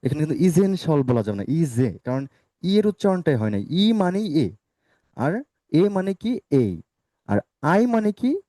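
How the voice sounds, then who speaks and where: A male teacher leading an online spoken English class, saying words slowly and asking students to repeat them. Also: a little high, very animated, mellow, dry recording.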